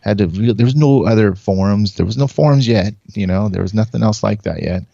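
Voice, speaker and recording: A man's voice: lowish voice, fairly quick, vocal fry, warm tone, no echo, dull audio. A man in his forties from Southern California, a podcast guest who rambles through stories, laughs often and acts out what people said. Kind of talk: casual storytelling.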